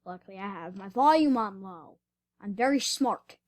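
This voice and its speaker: A woman's voice: medium pitch, lively intonation, moderate pace, a little hiss or hum. A woman doing casual reaction commentary, giggling and retelling each clip in a rambling way. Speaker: reaction vlogger.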